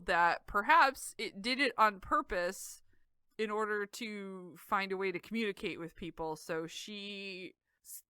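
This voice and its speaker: A woman's voice: mid-range voice, sharp tone, clear, resonant tone, no echo. A woman co-hosting a podcast, wryly retelling an episode's scenes in casual chat with frequent laughs. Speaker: podcast co-host.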